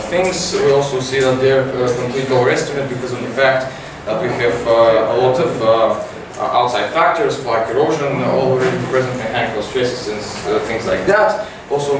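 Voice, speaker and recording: A teenage boy giving a science competition report with many fillers and halting phrasing. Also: mid-range voice. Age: teens. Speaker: student presenter. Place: large classroom with projector. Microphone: far camera. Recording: echoey room from far off, noisy.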